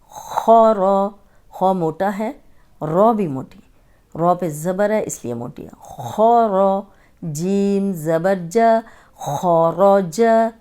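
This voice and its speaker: Woman teacher going really slow over recitation letters, clean smooth voice, repeats every sound. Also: medium pitch, dark tone. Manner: patient, spells each letter and repeats syllables slowly. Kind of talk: slow tajweed lesson with drilled letter sounds.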